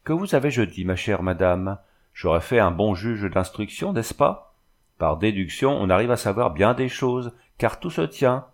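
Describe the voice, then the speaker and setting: A man reading the part of an excitable, self-satisfied village haberdasher. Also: fairly low pitch, measured pace. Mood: smug eager. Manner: eager and pleased with himself.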